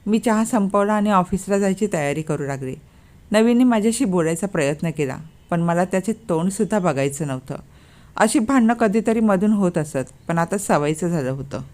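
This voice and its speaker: A woman's voice: mid-range voice, darkish tone. A woman narrating a first-person story, lightly acting out the quoted lines.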